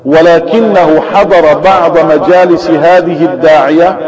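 A devout, patient wife speaks tactfully and gently, as a male preacher reads her lines. The voice is slightly high for a man. It echoes around a large hall, with a crowd murmuring behind it. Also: steady tone, unhurried, lightly acted.

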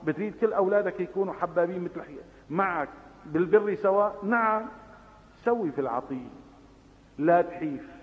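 A man with a Levantine Arabic accent delivering a sermon, passionate, moving between hushed asides and loud exhortation. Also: high voice, a little fast. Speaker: preacher. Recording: phone-like, with long reverb.

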